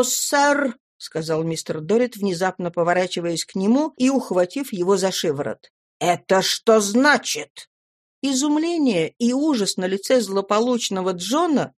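A woman's voice: medium pitch, a little mellow. Woman narrating a classic novel. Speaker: audiobook narrator. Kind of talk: scripted literary narration.

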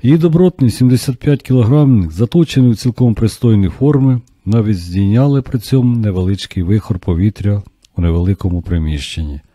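A man reading an audiobook as narrator in a steady, even scripted narration. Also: on the low side, a little fast, dry recording.

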